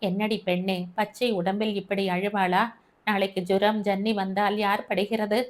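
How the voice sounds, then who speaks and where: A woman's voice: mid-range voice, level tone, measured pace, close to an everyday voice. A woman voicing a worried older mother who scolds and grumbles, in a storybook reading. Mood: fretful scolding. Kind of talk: storybook narration.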